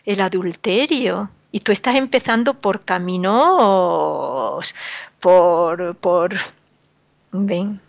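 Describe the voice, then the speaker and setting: In a lowish, creaky voice, a woman draws out her words while giving a radio sermon. The recording is muffled but has no echo. She is a religious radio speaker who sounds sorrowful, emphatically admonishing her listeners with repetition and rhetorical questions.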